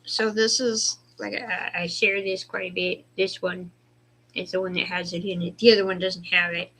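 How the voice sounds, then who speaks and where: A woman hosting a casual spiritual livestream, rambling between prayer requests and reading Bible verses slowly and deliberately. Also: fairly low pitch, level tone, a bit bright. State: hiccups, dry throat.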